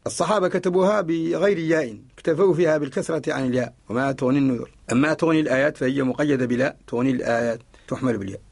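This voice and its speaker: Male Mauritanian sheikh, fast and fairly high-pitched, radio teacher who quotes and repeats verses. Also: darkish tone. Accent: Mauritanian Arabic. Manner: quotes verses and repeats words while explaining. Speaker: sheikh teaching Quranic spelling. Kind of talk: radio lesson explaining a verse text.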